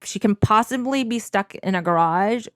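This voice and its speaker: A woman's voice: medium pitch, moderate pace, no echo, studio quality. A young woman telling a personal story casually and candidly as a co-host, with lots of informal filler words. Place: small bedroom, indoors. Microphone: handheld microphone.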